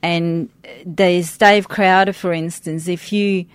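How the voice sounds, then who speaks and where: Speaking slowly in a low, clean voice with fairly even intonation, a middle-aged church worship team member is interviewed conversationally. She grew up outside Australia, her first language isn't English, and she thinks aloud informally, with no room sound in the recording.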